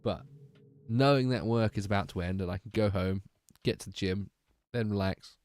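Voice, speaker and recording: A man's voice: fairly low pitch, moderate pace, a little mellow. A sleepy young man chatting casually on a livestream, rambling and trailing off as he talks. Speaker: streamer.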